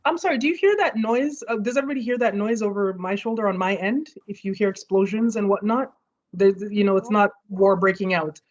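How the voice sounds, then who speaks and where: A woman's voice: medium pitch, fairly quick. Woman leading an online study group. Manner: explaining, checking in with the group. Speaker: study session leader. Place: home near street fireworks. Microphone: video call. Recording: muffled video call audio.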